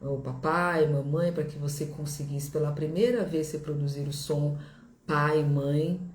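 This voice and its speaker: A woman's voice: sits low, moderate pace, a little mellow, roomy sound, slight background noise. A woman explaining a lesson in a conversational way, often checking in with the listener with little tag words. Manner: conversational, repeats points with fillers like "né" and "tá". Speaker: English teacher.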